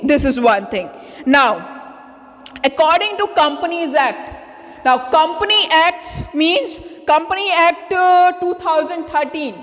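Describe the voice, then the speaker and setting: A woman teacher talks through a lesson at an unhurried pace, repeating each point. Her voice sits high. The sound rings with a long reverb. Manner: slow, repetitive, with many fillers and restarts. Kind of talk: classroom lesson.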